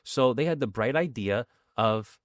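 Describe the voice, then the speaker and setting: A bilingual man who grew up in a Sicilian family, with Sicilian as his first language, speaks earnestly about addiction recovery as a guest in a casual conversation, often ending phrases with "right?". His medium-pitched voice has lively intonation and a slightly slow pace, with clean studio sound and no echo.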